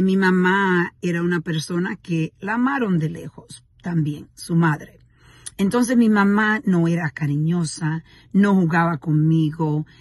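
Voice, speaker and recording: A middle-aged woman sharing a personal reflection in an earnest, unhurried monologue with pauses and restarts. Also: lowish voice, dry recording, clean studio sound. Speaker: speaker sharing a daily reflection.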